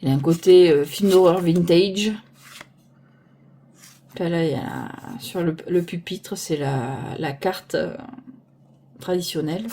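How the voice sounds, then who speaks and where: A woman's voice: on the low side, measured pace, pauses often, mellow, a little hiss or hum. A woman casually presenting tarot decks, rambling and stopping aloud to search for names, filmed on a phone held by a holder arm. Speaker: tarot deck reviewer.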